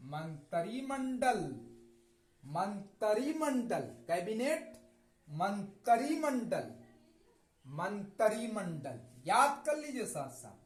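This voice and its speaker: A male teacher giving a vocabulary lesson, spelling words letter by letter, asking questions and answering them himself, repeating each word slowly. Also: sits high, big pitch swings, echoey room, low-quality recording. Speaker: English teacher.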